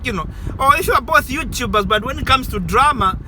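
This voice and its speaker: A man's voice: extremely high pitch, animated, fairly quick, sharp tone, slight background noise. A man from Zambia, giving casual advice in a rambling way and repeating words for emphasis.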